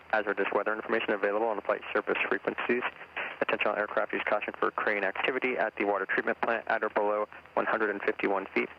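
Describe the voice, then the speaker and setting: A man reading a recorded airport weather broadcast over the radio in a flat, measured way. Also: on the low side. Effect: recorded airport weather broadcast heard over the aircraft radio. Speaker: airport information announcer. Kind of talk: recorded weather and runway information loop. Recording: muffled radio with faint static.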